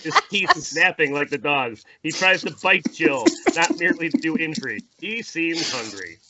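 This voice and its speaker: Crowd noise surrounds a man reading screenplay narration at a casual table read, his delivery dramatic and playful with informal asides. He speaks at a moderate pace, his higher voice full of lively intonation.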